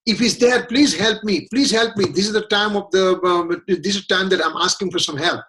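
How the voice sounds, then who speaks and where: A man's voice: sits high, moderate pace, fairly bright tone. A man playing a frantic man dangling from a cliff. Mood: pleading. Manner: frantic pleading. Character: terrified man hanging from a cliff tree.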